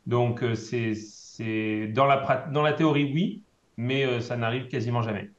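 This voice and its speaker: A man's voice: mid-range voice, measured pace. A man who works on visa sponsorship answers an audience question in a reassuring way, with many hesitant fillers. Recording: roomy, dull sound.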